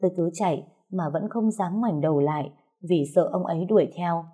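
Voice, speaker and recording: Low husky woman narrating a story. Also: brisk, warm tone. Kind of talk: first-person story narration.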